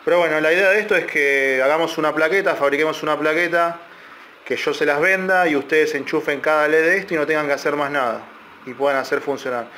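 A man with a slightly high voice walks through a repair job step by step, loose and unscripted, pausing on fillers and restarting his sentences. A faint hum of the workshop sits under his voice. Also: pushed and bright. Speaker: electronics repair technician. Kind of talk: casual technical tutorial.

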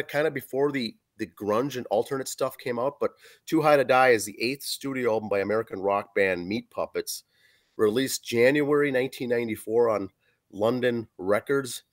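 A hoarse man in his forties co-hosts a podcast from a small room at home, speaking over a video call webcam as he reviews an album. He reads facts and track lists from his notes with fillers, in a mid-range, a bit bright voice at a moderate pace.

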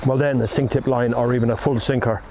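Quick-paced and medium-pitched, an older Irishman talks casually about fly fishing as he stands beside a river. His explanations are relaxed, with ums and asides. He is recorded at a distance by a bank-side camera, with wind and rushing water behind him.

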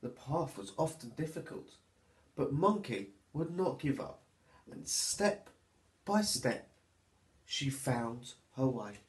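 A man in his thirties reads to young children like a teacher at story time, expressive and deliberate as he addresses his young listeners. He speaks unhurriedly with lively swings in pitch. He is indoors in a small, plain room at home, and the recording is echoey.

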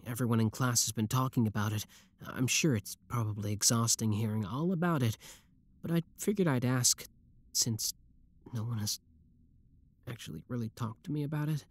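In a roleplay audio drama, a man with a mid-range, everyday-sounding voice speaks at normal speed, intimately addressing the listener. He plays a shy schoolboy who turns into a smug, obsessive, lovestruck yandere villain, and here he sounds shy and hesitant. The recording is dry.

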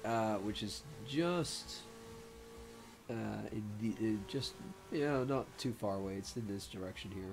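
A man with a hoarse throat, rambling casually through gameplay commentary with lots of fillers. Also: lowish voice, measured pace. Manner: rambling, many fillers and self-mocking laughs. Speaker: game streamer. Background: game music.

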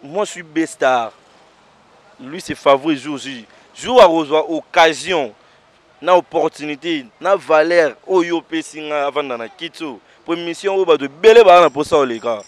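Guy, comedian in an interview, telling stories all animated, voice a bit high, loud then quiet. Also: measured pace, no echo. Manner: animated storytelling, swings between soft asides and loud bursts. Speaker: stage comedian and actor being interviewed. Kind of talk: casual interview chat.

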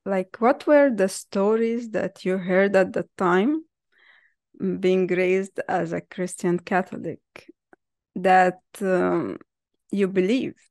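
A woman's voice: medium pitch, fairly even intonation, slow pace, darkish tone, dry recording, clean studio sound. A woman hosting a podcast from her living room, asking curious follow-up questions into a stand microphone. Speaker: podcast host. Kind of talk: conversational interview. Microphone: studio microphone on stand.

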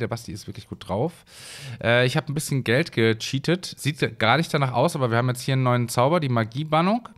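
A man from Hesse rambling through casual gameplay commentary at his desk mic, with lots of fillers. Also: on the low side. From Hesse, Germany. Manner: chatty, rambling, many fillers. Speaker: let's play host.

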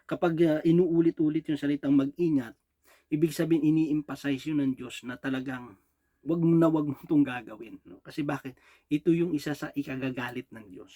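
A Filipino man delivers a casual sermon. He keeps checking in with the congregation with "no?" and "di ba?" and laughs lightly between points. His voice sits fairly high and the sound is close and dry. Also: dark tone, no room sound. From Philippines. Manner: rhetorical "di ba?" and "no?" checks with the congregation, frequent chuckles. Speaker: preacher. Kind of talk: Taglish sermon.

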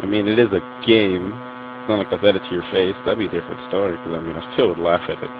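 In a muffled, noisy game voice message, a young online gamer rants at another player. His voice is low and steady but fast, and he's aggressive, profane, and taunting.

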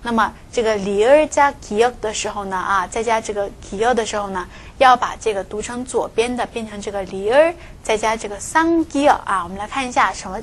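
A woman teaching pronunciation in a recorded lesson, speaking quickly with a slightly high voice. She explains each rule step by step and says every example word several times over. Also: a little hiss or hum. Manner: frequent filler particles at phrase ends. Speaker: Korean language teacher.

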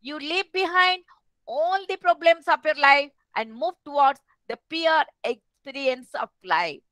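A middle-aged woman with an Odia Indian accent gives a formal address as webinar host. Her voice is high and bright, picked up closely and dryly on a headset. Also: animated, measured pace, dry recording, poor audio. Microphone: headset on video call.

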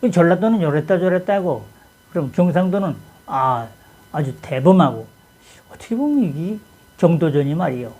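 A man's voice: a little high, expressive, moderate pace, dark tone, poor audio. A man from Chungcheong, Korea, hosting his own channel and talking casually about an old text, with a folksy manner and many rhetorical questions. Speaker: channel host. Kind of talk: casual talk on classic texts.

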